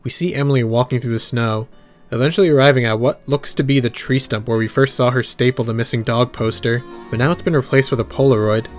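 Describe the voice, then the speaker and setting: A man with a mid-range, steady voice talks fast over background music. He's a video essayist and reactor offering casual, wry, sweary commentary and reactions on a horror series.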